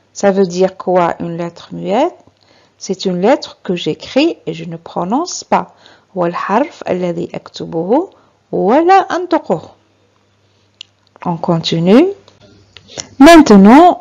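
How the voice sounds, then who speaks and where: Very slow, lively woman teacher spelling syllables. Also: on the low side. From Algeria. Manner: spells out letters and syllables, repeats each word. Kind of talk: reading lesson for beginners. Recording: slightly dull lo-fi recording.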